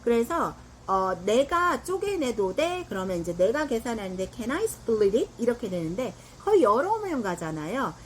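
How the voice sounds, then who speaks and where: A middle-aged woman talking through a casual English lesson, chatty and full of fillers, slowing down to spell out phrases. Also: medium pitch, sing-song, a little hiss or hum. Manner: chatty, explains slowly, lots of fillers. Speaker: English teacher.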